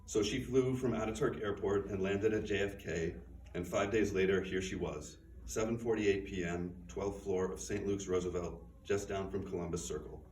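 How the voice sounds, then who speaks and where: Standing back from the mic at a bookstore event, a very deep-voiced man reads his own fiction quietly and in a measured way, keeping a steady tone. The room makes the sound distant and roomy, and there's a little faint noise.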